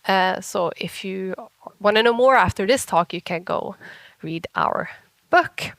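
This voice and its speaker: A woman with a Swedish accent gives an informal conference talk in a husky whiskey voice roughened by a cold, chatty and self-deprecating. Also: medium pitch, measured pace, no room sound, low-quality recording. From Sweden. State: sick with a cold. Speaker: conference speaker, software engineer.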